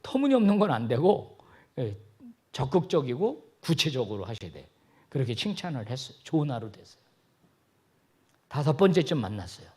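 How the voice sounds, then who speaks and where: A man's voice: mid-range voice, a little fast, slightly rough. A male pastor giving a sermon, joking with the congregation and acting out little dialogues. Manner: animated, jokey, acts out dialogue. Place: church sanctuary.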